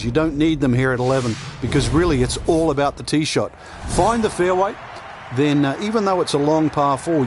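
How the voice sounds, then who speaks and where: A man acting as a golf commentator in the analyst's seat of a video game broadcast. He is conversational and plain-spoken, explaining things in a mid-pitched voice with music behind him. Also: natural voice.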